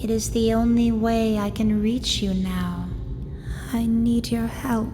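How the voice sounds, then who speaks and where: Frightened young pony princess, soft pleading whispers, slow delivery, reverberant, music underneath. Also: female voice, on the high side, flat delivery, background noise. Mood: gentle. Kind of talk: fan radio drama acting. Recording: long reverb, music behind.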